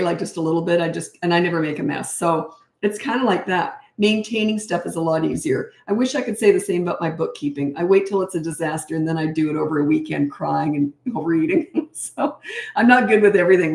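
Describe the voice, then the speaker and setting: Blunt and practical, a middle-aged woman advises parents on a casual livestream, mixing in chatty asides while her voice grows slightly hoarse. She has a lowish, darkish voice and a quick pace, with reverberant sound.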